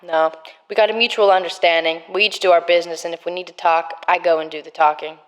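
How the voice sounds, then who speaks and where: A woman's voice: on the low side, fairly even intonation, fast talker, lightly acted. A woman voicing a hardened male prison gang captain in a murder mystery game, trying for a Boston accent that keeps slipping. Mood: tough.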